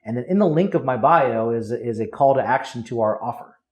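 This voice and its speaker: Man, podcast guest, copywriter, fast talker, high-energy, casual interview chat. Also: animated, a little mellow. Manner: high-energy, eager explaining.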